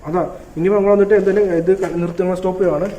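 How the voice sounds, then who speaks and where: A man's voice: high voice, fairly even intonation, rapid-fire, dark tone, a little hiss or hum. A young man from Kerala hosting a night ghost-hunting vlog in an abandoned house, calling out over and over in a pleading way. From Kerala, India. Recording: echoey room, dull lo-fi sound.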